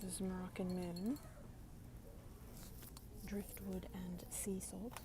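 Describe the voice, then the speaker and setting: A young woman whispers her way through a store in an ASMR walkthrough, listing products one after another. Her voice is a touch low with a gravelly edge, and she takes her time. Loud store noise fills the background around her phone mic. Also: little pitch movement, takes it slowly. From United States. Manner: whispered, gentle, describing items one by one. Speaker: ASMR creator. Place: inside a large retail store. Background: store noise, people opening boxes.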